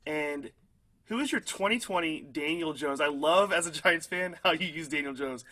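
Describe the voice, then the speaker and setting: A young man co-hosts a football podcast in easy, casual chat. His voice sits a touch high, and he hedges with fillers and laughs at his own hot takes. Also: moderate pace, sharp tone. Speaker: podcast co-host.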